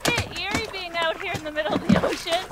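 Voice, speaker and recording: High-voiced young woman sailing vlogger. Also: fast. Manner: chatty, joking and excitable. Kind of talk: casual vlog chat and voice-over. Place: sailboat at sea, outdoors. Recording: loud wind and sea noise. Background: wind and water.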